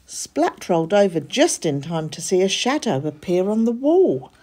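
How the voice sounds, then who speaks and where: Reading a children's story aloud, a woman narrates expressively in a mid-range voice at a moderate pace, like a storybook reader.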